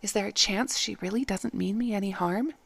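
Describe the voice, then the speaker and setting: A woman's voice: medium pitch, fairly quick, creaky, a bit bright, husky, no echo. A woman reading the part of a frightened young runaway slave woman who blurts out her worries. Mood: anxious. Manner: anxious, blurting.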